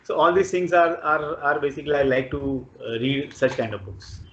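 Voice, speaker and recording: A man in his late forties from Konkan with a Marathi Indian accent, answering casual interview questions haltingly and often repeating words. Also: a little high, steady tone, fairly bright tone, a little hiss or hum. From Konkan, Maharashtra, India. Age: late 40s. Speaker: interviewee, IT professional. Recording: dull, echoey room recording.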